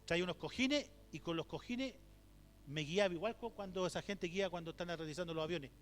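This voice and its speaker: This man's voice is high and fairly quick; he is a middle-aged pastor with a Chilean Spanish accent teaching at a church conference. Storytelling mixes with rhetorical questions, and he performs the quoted voices himself. Sound echoes through the church hall over a faint hum.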